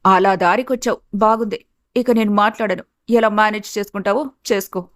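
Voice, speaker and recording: A woman voicing a cunning, spiteful young daughter-in-law in an animated story, speaking slyly and lower than her narration. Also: brisk, dry recording, studio quality, lightly acted. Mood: smug. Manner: sly, conspiratorial.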